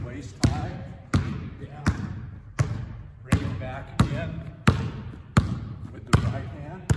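A man's voice: mid-range voice, heavy background noise. An older man coaching basketball drills in a large indoor gym, talking plainly and repeating his points, picked up by a camera at a distance. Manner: plain, repetitive coaching talk, often raised while dribbling. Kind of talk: instructional demonstration. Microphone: camera mic at a distance. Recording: echoey gym from far off. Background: basketball bouncing.

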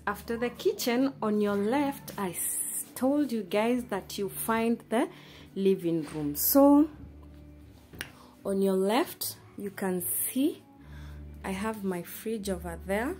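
Give me a young Kenyan woman chatting slowly through a house tour, mid pitch. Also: animated, mellow. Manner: chatty, slow and halting with many fillers. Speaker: vlogger. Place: small studio apartment indoors. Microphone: handheld phone camera, speaker off screen.

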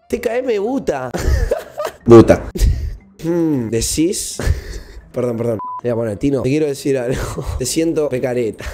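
A man's voice: mid-range voice, animated, slow pace, long pauses, dark tone, faint music behind. A young man with an Argentine accent chatting casually on a live stream, joking playfully and reading out messages. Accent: Argentine Spanish.

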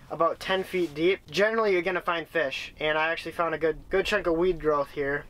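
This fishing vlogger, a young man, explains his approach in a loose, chatty manner from within a small ice shelter. His voice sits a little high with a fairly bright tone. Captured through a windscreened shotgun mic mounted on the camera, the recording is rough and carries slight background noise.

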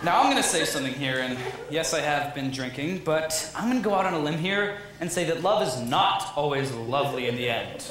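A man's voice: fairly high pitch, lively intonation, fairly quick, hardly any pauses, a bit bright. A young man playing a wistful middle-aged theatre fan who talks wryly to the audience on a stage musical. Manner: chatty, wry asides to the audience. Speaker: Man in Chair. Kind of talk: student stage musical acting. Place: school auditorium stage. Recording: echoey auditorium, audience noise.

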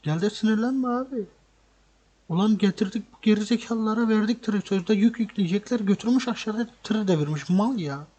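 A man narrating a truck-driving game role-play in a fit of frustration, swearing and repeating lines as he vents. His voice sits a little high for a man, with a warm, husky grain. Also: fairly quick. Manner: angry ranting, swears often, repeats himself. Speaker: gaming channel host. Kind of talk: role-play gameplay commentary.

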